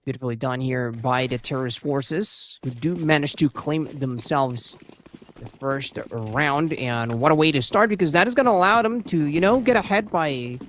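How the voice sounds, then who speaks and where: Higher-pitched male esports caster. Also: moderate pace, fairly bright tone, slight background noise. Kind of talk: live esports commentary.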